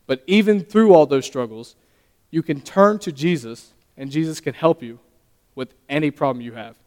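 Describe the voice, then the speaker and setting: A young man giving his first sermon as a lay preacher, earnest and halting, often stumbling and restarting his sentences. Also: fairly high pitch, darkish tone. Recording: long reverb of a hall.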